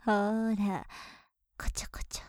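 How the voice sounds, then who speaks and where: A young woman voicing a polite, playful maid who teases her young master, with soft giggles and whispered passages, recorded on a close microphone. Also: mid-range voice, dry recording. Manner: polite, softly teasing, with breathy giggles. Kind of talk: whispered role-play.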